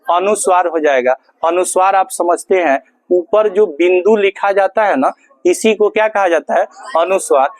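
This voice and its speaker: A man's voice: high voice, moderate pace. A male teacher with a Bihari Hindi accent, giving a classroom grammar lesson and drilling students with call-and-response questions.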